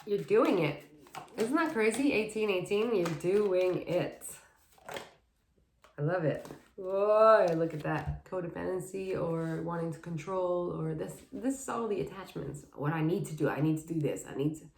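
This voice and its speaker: A woman giving a casual, meandering tarot reading, soft and dreamy, often laughing. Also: on the low side, expressive, moderate pace, creaky, roomy sound, slight background noise. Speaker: tarot reader.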